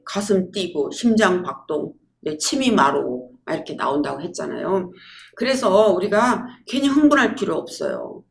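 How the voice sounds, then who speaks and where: Woman, lecturer, lively storyteller, gravelly voice, lowish pitch. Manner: lively storytelling with acted-out quotes. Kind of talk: public lecture.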